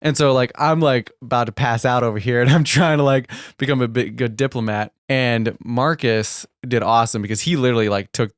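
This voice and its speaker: A man's voice: mid-range voice, steady tone, a little fast, few pauses, dry recording, studio quality. A young man co-hosting a podcast, telling a long story in a rambling, casual way, laughing often and saying "like" a lot. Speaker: podcast co-host.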